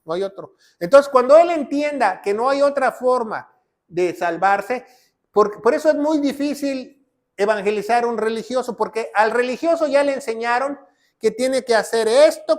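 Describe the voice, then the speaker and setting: A man preaching. He presses his points by repeating short phrases and reciting scripture, teaching his listeners. His voice sometimes drifts off the mic. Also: extremely high pitch. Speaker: pastor. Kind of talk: sermon teaching.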